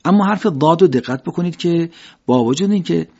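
A man teaching the pronunciation of Quranic letters, explaining step by step and slowly demonstrating each sound. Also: a little high, animated, warm tone, breathy edge, some chatter behind. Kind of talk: pronunciation lesson. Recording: dull lo-fi recording.

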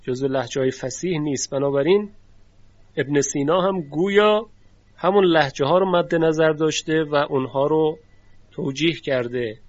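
A man delivers a formal lecture on recitation phonetics, pausing to demonstrate sounds aloud. His voice sits a little high for a man. The recording is dry and slightly dull, lo-fi. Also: no room sound. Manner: formal, courteous teaching register. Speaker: teacher of Quranic recitation phonetics.

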